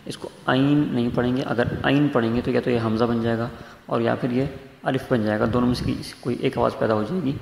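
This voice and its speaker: A man gives a patient tajweed lesson, his voice gravelly with creaky edges. He explains each letter slowly and drags out sounds to demonstrate them. The recording rings with a long hall echo over a faint background hiss. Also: mid-range voice, steady tone, darkish tone. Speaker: Quran recitation teacher. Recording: echoey room with faint noise.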